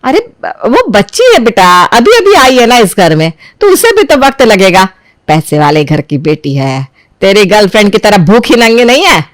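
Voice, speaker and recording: A woman voicing a greedy, dowry-proud middle-aged mother-in-law in an animated storybook drama, boastful and coaxing by turns. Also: medium pitch, moderate pace, no echo, clean studio sound, pitched above the performer's own voice, natural voice.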